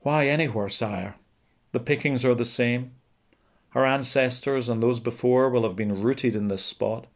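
A blunt older priest with a dry, practical way of speaking, as a narrator puts him on. He states things flatly, with little softness. The feel is of a storybook read aloud. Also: mid-range voice, measured pace, lightly acted. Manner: blunt, matter-of-fact.

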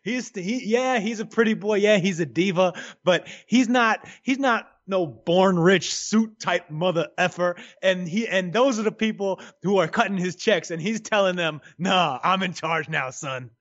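A man's voice: high-pitched, measured pace, few pauses, muffled recording. A man co-hosting a casual boxing chat, emphatic and playful in his opinions. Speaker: boxing podcast co-host.

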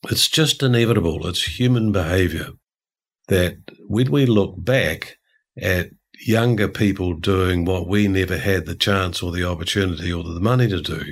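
A man's voice: deep voice, moderate pace. An older man from New Zealand explaining ideas in a discursive, chatty way, full of asides. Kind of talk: casual conversation.

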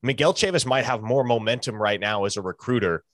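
A man talking college football with conviction, laying out his argument like a recruiting pitch. His voice sits in an ordinary middle register. The sound is dry and close. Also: brisk, no echo. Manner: emphatic, speaks as if pitching to a recruit. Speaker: college football show host. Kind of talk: sports talk analysis.

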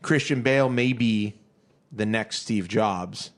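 A man's voice: on the low side, slow. A man hosting a podcast in natural, unscripted casual chat, rambling and joking as he repeats his phrases. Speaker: podcast host.

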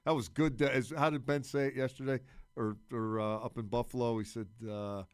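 A man giving casual sports analysis as a radio commentator, haltingly repeating words as he works out his points. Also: medium pitch, level tone, clean tone, dry recording, studio quality.

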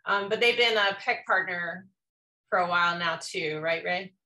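This woman hosts a relaxed online panel conversation, talking loosely and often restarting or filling pauses. Her fairly low voice is bright and forceful, delivered at a moderate pace on a low-quality recording.

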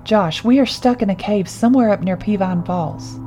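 A woman voicing a take-charge young woman caver who gives steady, commanding orders in a story reading. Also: mid-range voice, moderate pace, faint music behind, voice pushed up, lightly acted. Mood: reassuring.

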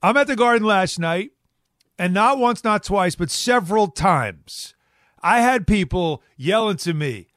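Middle-aged man, fifties, higher voice, animated emphatic sports talk host, casual, dry close sound. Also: unhurried, no room sound. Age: 50s.

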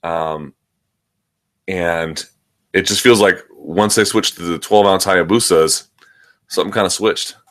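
A man's voice: low voice, a little slow, pauses often, a bit bright. A man giving casual, opinionated sports commentary as a talk host, often repeating and restarting his words and phrases.

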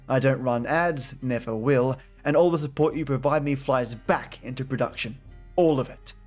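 Signing off his story podcast, a man with a mid-range, somewhat dark voice thanks his supporters. He sounds chatty and grateful in this casual farewell.

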